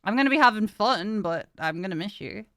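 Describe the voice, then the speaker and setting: A woman's voice: mid-range voice, lively intonation, brisk, fairly bright tone, dry recording, studio quality. A woman streamer chatting casually with viewers, tired and in pain, talking frankly and swearing now and then.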